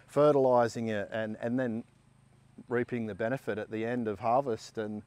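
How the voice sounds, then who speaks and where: A man, a farm manager, interviewed outdoors on a farm, talking in a relaxed, casual way. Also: medium pitch, normal speed. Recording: outdoor farm noise with vehicle.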